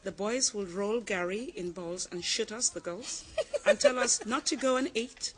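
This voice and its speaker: A woman from Cameroon in her forties, a guest on a TV interview who answers in a measured, reflective way and laughs easily. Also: medium pitch, very animated, low-quality recording.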